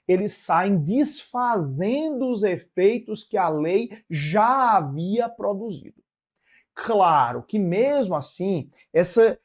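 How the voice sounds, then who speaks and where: A Brazilian law teacher with a mid-range voice gives an explanatory lecture in a didactic style, repeating and rephrasing key phrases and adding short check-in tags.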